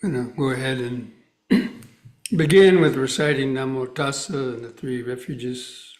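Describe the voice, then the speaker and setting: A man, a Buddhist monk, chatting on a video call and then leading slow Pali chanting in a measured, droning voice. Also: medium pitch, a little mellow, reverberant. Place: meditation center livestream.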